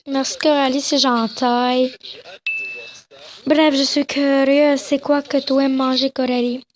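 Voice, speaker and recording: A woman's voice: high voice, flat delivery, measured pace, background noise. A young woman casually playing a game, reading its dialogue aloud with joking, crude asides and giggles. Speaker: gamer.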